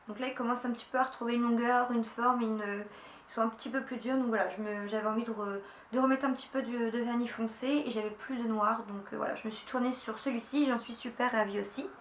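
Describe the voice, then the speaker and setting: A woman's voice: a little high, steady tone, fast, a little hiss or hum. Chatty young woman in an echoey room. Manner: chatty, enthusiastic, many fillers and restarts. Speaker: beauty vlogger. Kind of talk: casual haul video chat. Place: room at home. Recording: echoey room, faint ambience.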